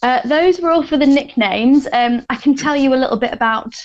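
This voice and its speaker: Giggly high-voiced woman. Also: brisk, muffled recording, noisy background. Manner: giggly, playful, laughs between lines. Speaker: podcast co-host. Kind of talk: casual podcast chat.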